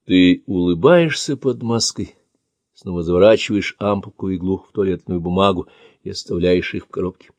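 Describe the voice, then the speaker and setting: A man reading an audiobook in measured, quiet second-person narration. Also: low voice, dry recording.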